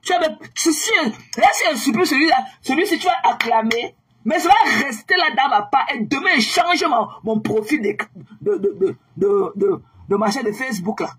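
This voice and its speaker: A woman ranting angrily on her own livestream, taunting viewers with repeated mocking questions and bursts of shouting. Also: high-pitched, expressive, moderate pace, slightly rough. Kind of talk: angry livestream rant at viewers.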